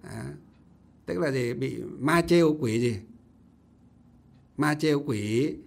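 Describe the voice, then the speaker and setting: Buddhist monk telling a story. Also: male voice, a little high. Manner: conversational, animated storytelling. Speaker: Buddhist monk giving a dharma talk. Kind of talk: storytelling sermon.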